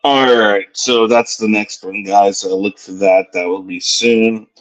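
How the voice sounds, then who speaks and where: A man's voice: lowish voice, fairly even intonation, measured pace, poor audio. A man casually hosting an online round table, steering the chat between guests.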